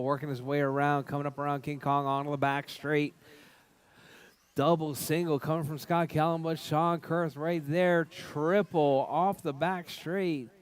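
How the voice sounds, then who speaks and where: A man's voice: fairly high pitch, clean tone. A man giving live race commentary like a spotter, in repetitive clipped calls of running order and cautions. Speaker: race announcer.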